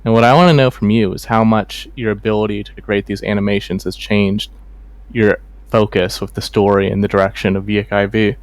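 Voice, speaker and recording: Male caller, lowish smooth voice, dry close sound, articulate question. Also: little pitch movement, brisk, dry recording. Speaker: viewer asking a question. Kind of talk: livestream Q&A call-in.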